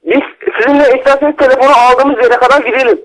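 A man's voice: very high-pitched, fairly even intonation, quick pace, fairly bright tone. A man on a phone call, pleading and defending himself against accusations. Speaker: prank call victim. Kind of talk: phone conversation. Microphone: phone line on a radio broadcast.

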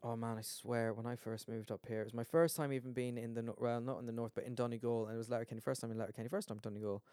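Clear-voiced Irish man, rambling and emphatic. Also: medium pitch, flat delivery, racing, dark tone, no room sound, studio quality. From Ireland. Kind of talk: casual chat.

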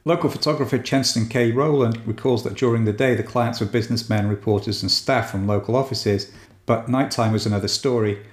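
A man hosting a podcast, reading a scripted history narration in a measured, even way. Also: medium pitch, roomy sound. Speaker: podcast host.

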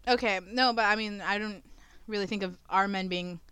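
A young woman chatting on a podcast with a bright, crisp voice that sounds close and dry. She laughs easily, swears casually, and gets animated when she tells a story. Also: mid-range voice, normal speed, dry recording. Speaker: podcast co-host. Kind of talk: casual chat.

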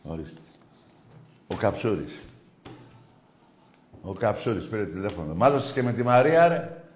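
A man hosting a rowdy football call-in show, swearing at callers and shouting in bursts. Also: fairly low pitch, big pitch swings, echoey room, background noise.

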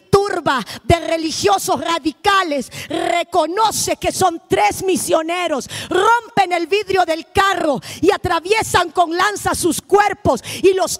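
A woman preaching a missionary sermon, impassioned, swinging between shouted lines and hushed ones. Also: extremely high pitch.

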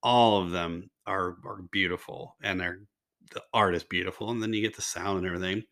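Nasal, congested older man, bright forceful voice. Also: sits low, fairly even intonation, a little fast. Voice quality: slightly raspy from laryngitis. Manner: rambling, conversational, self-interrupting asides. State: mild laryngitis and nose congestion. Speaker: podcast host. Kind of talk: casual solo podcast monologue.

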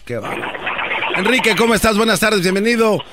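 A man's voice: sits high, fairly quick, music in the background, natural voice. A man playing a pompous, preachy radio guru who cuts callers off in a comedy sketch. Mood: dismissive. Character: pompous self-styled male radio guru, preachy and dismissive. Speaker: radio host.

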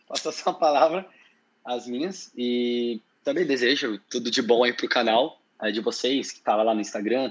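A man, chatting casually as an interview guest and rambling with many restarts and slang fillers. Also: medium pitch. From Brazil. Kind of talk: casual live-stream chat.

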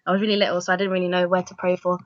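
A woman's voice: fairly low pitch, level tone, racing, no room sound, dull audio. Hesitant young woman from Argentina. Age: young adult. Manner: hesitant, many fillers. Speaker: missionary guest. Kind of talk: casual interview.

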